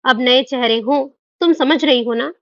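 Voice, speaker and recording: Commanding matron, narrator voicing, high voice, slightly muffled. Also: female voice, normal speed, fairly bright tone, no echo. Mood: serious. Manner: serious, commanding. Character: commanding older noblewoman, brothel mistress. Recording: dull dry recording.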